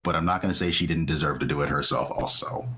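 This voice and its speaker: A man on a gaming podcast, talking in an expressive, earnest way. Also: extremely low pitch, quick pace. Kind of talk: casual podcast chat.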